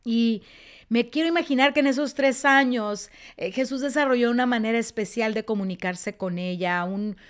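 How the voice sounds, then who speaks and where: Woman Bible teacher, fairly high voice, expressive storyteller. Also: moderate pace, clear, resonant tone. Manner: expressive storytelling, often dropping to a soft, quiet tone. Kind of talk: teaching sermon.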